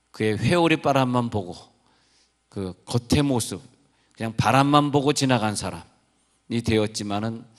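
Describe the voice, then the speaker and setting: A man preaching a sermon as pastor, moving between quiet explanation and loud, emphatic exhortation. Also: medium pitch. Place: church sanctuary. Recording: echoey church hall with long reverb.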